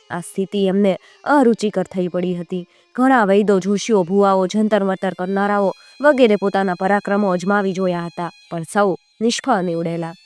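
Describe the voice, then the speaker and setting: A woman storyteller narrating a folk tale in a measured, expressive way. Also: medium pitch, no room sound.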